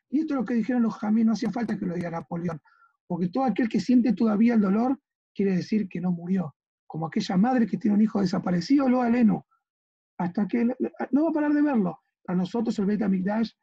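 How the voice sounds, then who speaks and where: An earnest rabbi with an Argentine accent teaches a religious lesson, pausing to ask whether his listeners follow. His voice is mellow and a little husky. The recording is dry and slightly dull. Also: high-pitched. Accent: Argentine Spanish.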